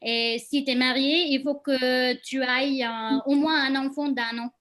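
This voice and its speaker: A woman from India speaking non-native French with an Indian accent, haltingly, as she asks a question in an online group discussion. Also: high-pitched, fairly even intonation, a bit bright. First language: not French.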